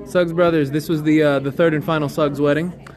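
A man's voice: a little high, steady tone, fairly quick, darkish tone. Joking man hosting a wedding podcast. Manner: playful, teasing, lots of filler words. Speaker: host of an amateur wedding podcast. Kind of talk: casual chat, interviewing guests. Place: outdoor wedding reception, hot and muggy. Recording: music playing behind the voice.

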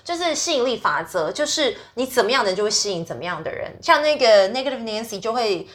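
A woman's voice: a little high, sing-song, quick pace, fairly bright tone. A woman with a Taiwanese accent chatting casually and expressively as a podcast co-host, slipping English phrases into her Mandarin. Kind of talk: casual chat.

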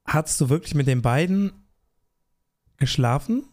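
A young man chatting on a casual podcast, reacting with lively amazement. His voice sits a bit high and jumps around a lot in pitch. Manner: animated, quick astonished reactions. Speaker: podcast co-host. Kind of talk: casual chat.

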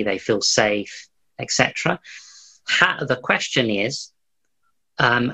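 A man's voice: mid-range voice, pushed and bright, rough recording. A man hosting an interview, asking long, winding questions with many restarts. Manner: rambling, full of fillers and restarts. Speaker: interview host. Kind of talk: hosted interview.

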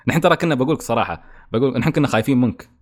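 A man's voice: mid-range voice, very fast. A young man with an Emirati Gulf Arabic accent, hosting a casual podcast chat, joking and teasing and laughing often. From UAE, Al Ain. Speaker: podcast host.

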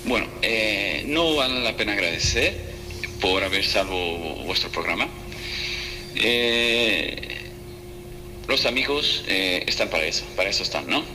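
Radio caller: man, Spanish accent, chatty, lowish pitch, echoey hum-laden line. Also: lively intonation, measured pace. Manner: chatty, mixing Spanish and Portuguese.

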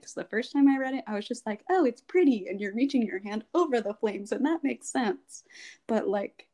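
A woman's voice: a little high, warm tone. A young woman co-hosting a casual podcast, rambling with lots of "like" and "I don't know". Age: young adult. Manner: rambling, many fillers. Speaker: podcast co-host. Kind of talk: casual chat.

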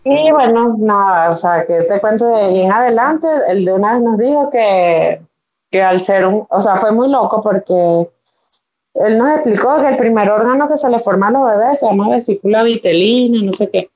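A young woman with a Venezuelan accent, a podcast guest, telling her story in a casual, animated way and acting out the voices of the people in it. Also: mid-range voice, normal speed, highs cut off. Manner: animated, acts out quoted voices.

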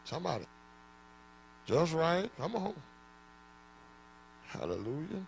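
A man preaching a sermon, questioning his congregation in call-and-response and bursting into shouts. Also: fairly high pitch, big pitch swings, takes it slowly, gravelly, a little hiss or hum.

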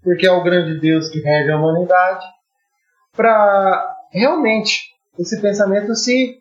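A Brazilian man with a Brazilian Portuguese accent, talking in a halting, ironic way with many restarts on a casual podcast. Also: high voice, fairly even intonation. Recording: roomy, slightly dull audio with faint music.

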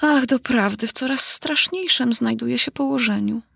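A woman's voice: on the high side, moderate pace, creaky, breathy edge, no echo, studio quality, voice pushed up, heavily acted. A woman reading aloud, voicing a curious, fretful little girl who wonders aloud with dramatic sighs. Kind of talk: storybook reading.

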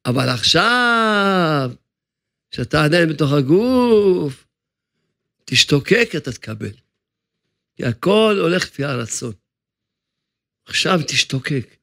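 A man's voice: fairly high pitch, big pitch swings, vocal fry, long pauses, bright, forceful tone, no room sound, studio quality. A man preaching a sermon as a rabbi, emphatic, driving his points home by repeating phrases.

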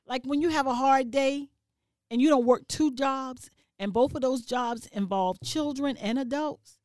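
A middle-aged woman co-hosting a podcast, talking loudly and passionately, swinging between near-shouting and low asides. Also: a little slow, no room sound, studio quality. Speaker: podcast co-host. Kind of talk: heated casual panel chat.

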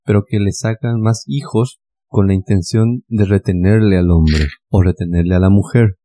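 A man's voice: lowish voice, steady tone, normal speed, warm tone. A man in a casual discussion who affirms his partner's points and builds on them.

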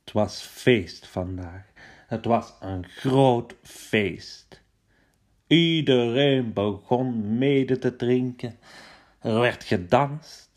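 A man's voice: mid-range voice, extremely slow, darkish tone. A man telling a children's story playfully and dramatically, dropping to whispers for suspense.

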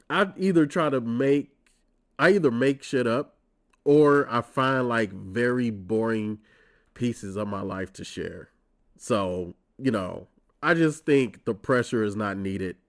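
Congested with a cold, a man in his twenties hosts his own podcast, ranting through a wry, profane, casual monologue. His medium-pitched voice has lively intonation and an unhurried pace.

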